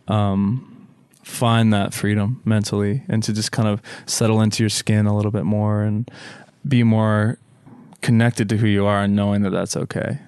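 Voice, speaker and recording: A man musician reflects aloud in a slightly low, smooth voice, pausing with fillers and restarting his thoughts. The recording is dry and close, with no room echo. He sounds like a guest in a relaxed podcast chat. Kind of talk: casual interview chat.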